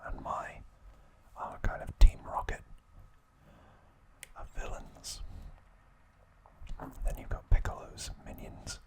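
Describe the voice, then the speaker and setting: An ASMR host, a man, narrates trivia in a soft, breathy whisper, phrasing each line deliberately.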